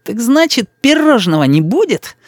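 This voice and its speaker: A man voicing a spoiled, bossy little boy who whines and demands in a shrill, drawn-out voice. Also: very animated, dry recording, clean studio sound, heavily acted. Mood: demanding.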